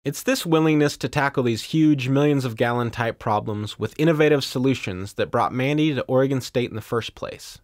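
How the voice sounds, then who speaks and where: A man's voice: mid-range voice, a little fast, few pauses, no room sound, studio quality. A man hosting and narrating a podcast in a playful, scripted way. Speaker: podcast host.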